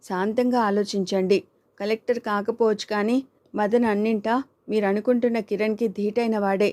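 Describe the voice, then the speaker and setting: A woman's voice: medium pitch, steady tone, normal speed, natural voice. A woman voicing Kanchana, an outspoken young woman who scolds and urges her friend, in an audiobook reading. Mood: arguing. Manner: scolding, urging, sharp retorts.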